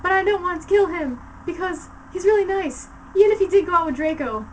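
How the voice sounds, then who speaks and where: A woman performs an angsty teenage vampire girl from an amateur story reading. She is melodramatic and shrieks in a high voice like a hammy stage actor. The recording is distant, with faint background noise. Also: fairly quick, darkish tone. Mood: angry, anguished.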